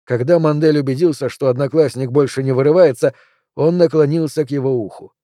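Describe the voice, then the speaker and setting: A man reading a novel aloud in measured, even narration. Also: on the high side, no room sound, clean studio sound. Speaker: audiobook reader. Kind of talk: scripted narration.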